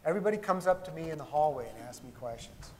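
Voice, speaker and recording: A man's voice: fairly high pitch, animated, quick pace, a little mellow. A middle-aged man giving a conversational keynote on a conference stage and taking audience questions, with frequent ums and restarts. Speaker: keynote speaker. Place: large conference hall stage. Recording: long hall reverb, faint noise.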